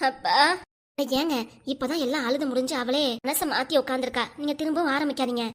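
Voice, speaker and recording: A woman's voice: high voice, fairly even intonation, fast talker. A woman with southern Tamil village speech who voices a whole cartoon family, chatty, coaxing and scolding. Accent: southern Tamil Nadu village speech. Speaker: cartoon voice artist. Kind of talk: voicing many family members in a cartoon.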